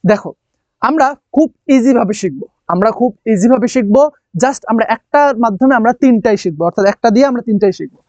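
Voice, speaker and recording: A man's voice: extremely high pitch, animated, a little fast, darkish tone, no room sound, highs cut off. A man with a Bangladeshi Bengali accent teaching an English grammar lesson, explaining step by step and often checking understanding, with thinking-aloud fillers and self-corrections.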